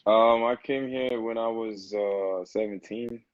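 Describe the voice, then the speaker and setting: A young man from Lagos, Nigeria, answering interview questions in a relaxed, easygoing way. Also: on the low side, measured pace, no room sound, muffled recording. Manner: relaxed, easygoing, says bro often. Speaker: recording artist, guest. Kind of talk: casual interview.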